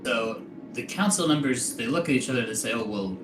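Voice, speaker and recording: A man's voice: medium pitch, brisk. Echoey, distant man running a tabletop game. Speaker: game master. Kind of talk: casual tabletop game narration. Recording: roomy, distant mic, music behind.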